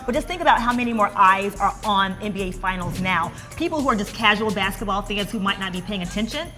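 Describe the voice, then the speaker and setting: A woman's voice: mid-range voice, expressive, fast talker, pushed and bright. A woman working as a TV host, chatty and opinionated, moving between upbeat commentary and interviews. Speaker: TV host and red carpet reporter. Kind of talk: red carpet interviewing and upbeat panel commentary. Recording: music behind the voice. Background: music.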